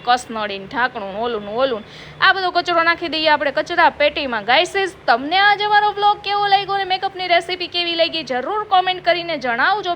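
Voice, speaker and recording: A woman's voice: sits high, a bit bright, slight background noise. A woman doing a comic makeup vlog from her office, chatty and self-mocking, calling out to viewers. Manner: playful self-mocking, addresses viewers as guys. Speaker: comedy vlogger.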